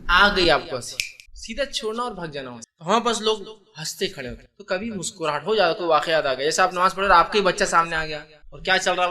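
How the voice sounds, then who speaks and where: A man's voice: high-pitched, pushed and bright. A man giving a religious lecture on the rules of prayer, explaining step by step and checking that listeners follow. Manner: explanatory, asks listeners "understand?". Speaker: Islamic preacher.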